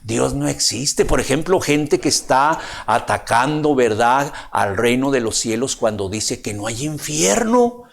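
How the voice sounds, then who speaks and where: Gravelly-voiced preacher. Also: male voice, mid-range voice, sing-song, unhurried, few pauses. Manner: reads scripture aloud and keeps asking "¿verdad?" to his listeners. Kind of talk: conversational Bible-study sermon.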